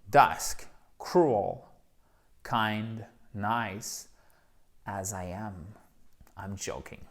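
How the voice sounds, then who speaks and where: Male teacher, French native, middle pitch, lively and coaxing, repeats each word slowly. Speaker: English teacher. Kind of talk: pronunciation lesson.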